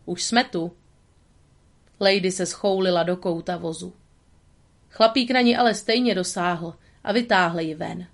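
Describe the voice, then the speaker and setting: Woman reading a storybook calmly. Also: fairly low pitch. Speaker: narrator. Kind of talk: storybook narration.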